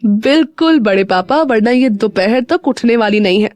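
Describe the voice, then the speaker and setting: A fond, teasing older brother, played by a woman in a voice close to her own. The tone is fairly bright and the sound is dry and close. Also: fairly high pitch, animated, moderate pace, dry recording, lightly acted. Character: teasing protective older brother, young man.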